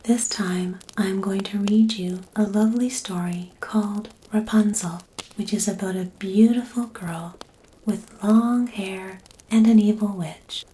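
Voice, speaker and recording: A woman voicing a kindly, indulgent storybook grandmother in a gentle, breathy, soft voice. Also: mid-range voice, steady tone, measured pace, a little hiss or hum, lightly acted, rough recording. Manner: gentle, reassuring.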